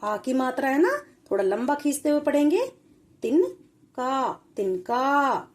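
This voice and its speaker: A woman's voice: sits high, very animated, moderate pace. A woman teaching children a spelling lesson, patiently spelling out syllables one at a time.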